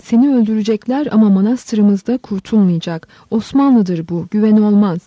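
A blunt, worried monk doctor, as a woman reading the story voices him, pressing his warning with urgency. The voice is dark and soft-edged, recorded close and dry. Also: mid-range voice, moderate pace, dry recording, close to an everyday voice.

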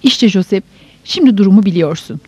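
A woman's voice: mid-range voice, animated, fairly quick, warm tone, slightly rough, no echo. A woman doing a pompous fawning uncle.

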